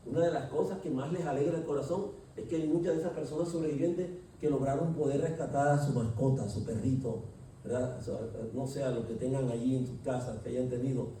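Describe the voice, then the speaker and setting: A preacher giving an emphatic sermon and often asking the congregation rhetorical questions. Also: male voice, medium pitch, warm tone, a little hiss or hum. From Colombia. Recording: echoey hall, distant mic.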